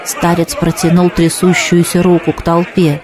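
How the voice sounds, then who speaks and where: A man with a notably high voice reads a fantasy audiobook in a measured, steady storytelling manner. A faint murmur of a crowd sits under his narration.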